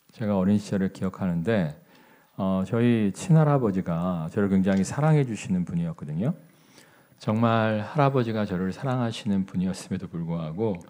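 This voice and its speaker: A male pastor giving a sermon, telling personal stories and asking the congregation questions in a slow, deliberate way. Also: fairly low pitch, darkish tone.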